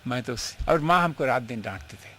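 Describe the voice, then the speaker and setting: A man's voice: medium pitch, animated, a little fast, a bit bright, a little hiss or hum. An older man recalls his years with his guru in an interview, telling the story in an earnest, emotional way. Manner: emotional, earnest storytelling, mixing in English phrases. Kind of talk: reminiscing interview.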